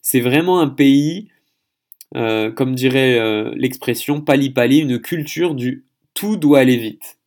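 A man from France talks alone into the mic for his podcast episode, laying out what he has found in his research. His voice has a gravelly, fry-laden edge at an ordinary middle pitch. He thinks aloud and often stops to correct himself mid-sentence. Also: slow, darkish tone. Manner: explanatory, thinking aloud with frequent self-corrections. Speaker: podcast host. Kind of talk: solo podcast monologue.

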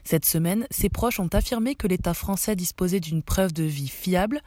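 Mellow-voiced woman reading news briefs. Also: lowish voice, moderate pace, dry recording, studio quality. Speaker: news segment presenter.

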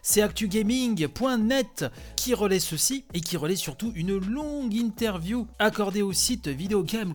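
A man hosting a gaming news podcast, talking casually with many small fillers. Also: fairly high pitch. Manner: chatty, many "hein" and "euh" fillers.

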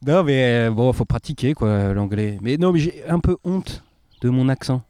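Male podcast co-host, self-deprecating banter; warm, mid-pitched. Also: lively intonation, normal speed, smooth, no echo, studio quality. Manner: self-mocking, laughs, swears casually. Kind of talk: casual chat.

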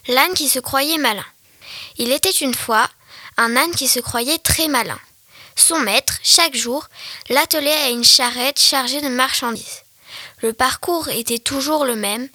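A woman's voice: sits high, measured pace, sharp tone, no echo. A schoolgirl reading a story aloud carefully for her class. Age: under 12.

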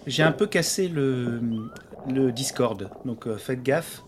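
A man's voice: medium pitch, slow, crowd noise. A man hosting a live podcast event over a voice call, jokey and self-mocking. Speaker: podcast host and jury president. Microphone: voice call over Discord.

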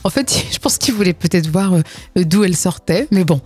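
A woman co-hosting a casual morning radio show in a studio, telling news stories with a giggly, animated manner. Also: lowish voice, slightly rough. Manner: giggly, animated, quick to laugh. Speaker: radio co-host.

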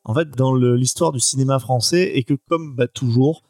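A man chatting on a live stream, full of hesitant restarts as he pitches his topic. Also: moderate pace, a little mellow, dry recording. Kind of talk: casual stream chat.

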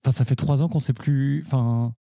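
Woman putting on a Québécois-accented friend in an improv bit, stammering and halting, with a mellow, dark tone and a dry, close sound. The accent is plainly put on. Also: extremely low pitch, steady tone, gravelly, dry recording. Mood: flustered. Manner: hesitant, stammering. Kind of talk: improv scene.

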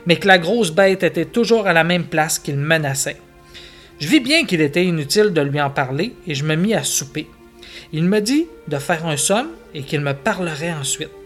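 A man, a podcast host, reading a literary tale aloud in measured narration. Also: a little high, fairly bright tone. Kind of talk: storytelling read-aloud.

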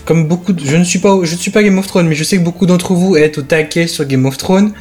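A man's voice: a little high, fast, a little mellow. A man co-hosting a casual podcast, presenting a news item with many fillers and restarts. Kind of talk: casual group chat.

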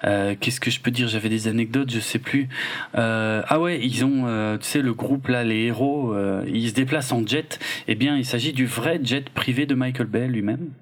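This podcast co-host is a man with a medium-pitched voice and a moderate pace, chatting casually about films with his partner. His talk is rambling and laid-back, full of filler, hedging and hesitation.

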